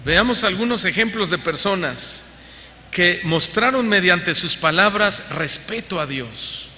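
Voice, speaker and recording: A Mexican man preaching in a church hall, his high, strikingly bright voice ringing out with a long reverb. Faint noise hums behind him as he questions the congregation and mimics others in exaggerated tones. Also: lively intonation, a little slow. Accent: Mexican Spanish. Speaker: pastor. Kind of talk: sermon.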